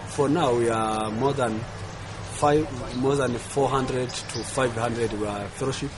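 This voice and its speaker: A man from Rwanda, a pastor, speaking haltingly in an interview. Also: medium pitch. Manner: halting, plain-spoken. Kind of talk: interview testimony. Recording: loud outdoor noise.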